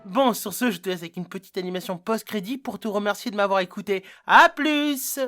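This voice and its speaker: A man's voice: high-pitched, a little fast, pushed and bright, soft background music. A man giving a casual, scripted outro for his channel and making friendly appeals to the viewer.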